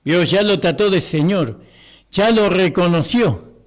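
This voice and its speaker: On the radio, a man with a high, animated voice delivers a slow, emphatic sermon. He frequently pauses to pose short rhetorical questions to his listeners.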